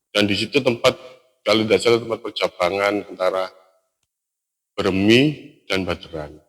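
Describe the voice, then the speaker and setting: A young man telling a story from a mountain hike in a relaxed, halting way, pausing and restarting often. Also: sits low. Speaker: storyteller recounting a hiking trip. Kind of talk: casual spoken storytelling.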